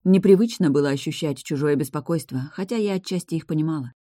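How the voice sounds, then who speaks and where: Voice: medium pitch, fast, dark tone, dry recording, clean studio sound. A narrator reading a first-person fantasy novel aloud. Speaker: audiobook narrator.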